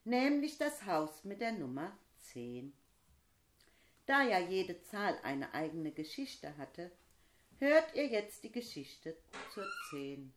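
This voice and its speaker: A woman presenting a children's program, gently addressing preschoolers directly. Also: fairly low pitch, sing-song, slow.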